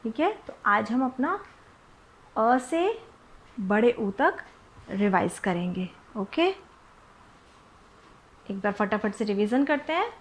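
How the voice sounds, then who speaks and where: A young woman teaching a nursery class, speaking patiently and repeating words slowly so children can follow. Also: a little high, sing-song. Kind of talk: nursery Hindi lesson.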